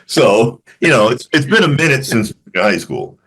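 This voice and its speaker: A man's voice: medium pitch, very animated, pushed and bright, slightly rough. A man from Memphis, a jazz flutist talking reflectively as an interview guest, often restarting his sentences. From Memphis, Tennessee. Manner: reflective, halting with frequent restarts. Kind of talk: casual interview conversation.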